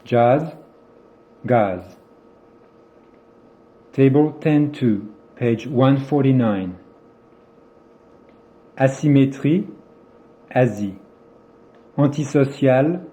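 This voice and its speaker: A man with a deep, mellow voice reads pronunciation drills aloud. He goes very slowly and sounds each word out carefully. The sound is dull and lo-fi, as on an old cassette tape. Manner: slow, careful word-by-word enunciation. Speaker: language course reader.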